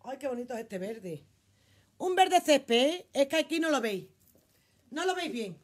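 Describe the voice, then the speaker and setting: A woman's voice: high-pitched, big pitch swings, measured pace. A middle-aged woman with a Spanish accent, selling clothes on a casual live stream from her shop. She chats in an exclamatory way, reads out viewer comments and swears casually. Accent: Spanish from Spain.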